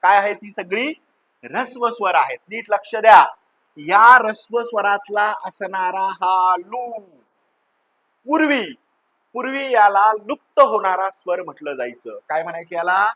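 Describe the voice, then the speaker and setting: A man's voice: high voice, lively intonation, measured pace, bright, forceful tone. A man teaching a grammar lesson like a classroom teacher, chanting the letters one by one and asking questions he answers himself. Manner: chanting the vowels one by one, addressing students as children.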